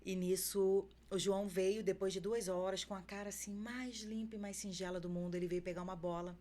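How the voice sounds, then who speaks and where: A woman's voice: medium pitch, flat delivery, brisk, mellow. A woman with a Brazilian Portuguese accent, a podcast guest telling an emotional faith testimony with fervent feeling.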